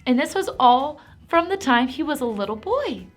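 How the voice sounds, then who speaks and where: An animated, encouraging woman who teaches a Bible lesson to preschool children. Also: sits high, normal speed, faint music behind.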